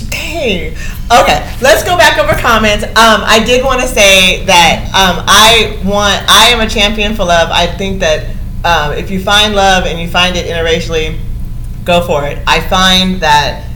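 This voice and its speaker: Forties woman hosting a livestream, animated and laughing, in a roomy space. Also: medium pitch, a little hiss or hum. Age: 40s. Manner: laughing, animated, drawn-out pauses. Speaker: host. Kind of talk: casual livestream chat.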